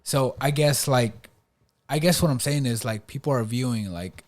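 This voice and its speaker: A man's voice: medium pitch, moderate pace. A man hosting a podcast in a casual chat, laid-back and tagging his points with "bro" and "right?". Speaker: podcast host.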